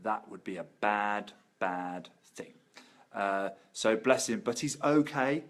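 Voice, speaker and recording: Low-voiced man, chatty and informal. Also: lively intonation, slow. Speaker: vlogger. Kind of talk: casual video update to friends and followers.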